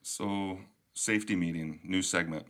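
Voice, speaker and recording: A man with a Minnesotan accent hosts a podcast in a very low voice. His tone is bright and forceful. He rambles casually and pokes fun at himself. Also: steady tone, unhurried. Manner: rambling, self-deprecating, chuckling. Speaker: podcast host.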